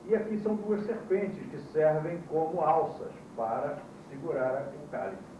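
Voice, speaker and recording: Heard distantly on a muffled, echoey old VHS tape with a little hiss or hum, a man teaches a classroom course. His slightly high voice is mellow and measured. As the instructor, he mixes wry storytelling with quizzing his students.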